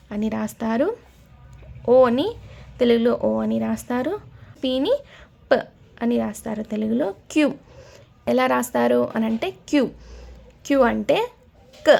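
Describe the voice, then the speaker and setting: Woman teacher with a gravelly voice. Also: a little high, warm tone. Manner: slow, repeats each sound several times, quizzes learners. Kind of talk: spelling lesson.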